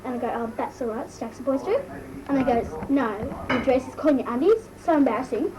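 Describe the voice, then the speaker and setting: Animated and fast, with a voice that sits high, a woman rattles through an amateur comic impersonation of a bratty, gossipy Australian teen schoolgirl "mole" as crowd noise rises behind her. Her slangy, embarrassed stories come in a breathless drawl, all mortified gossiping. The amateur recording is noisy and the mic is distant.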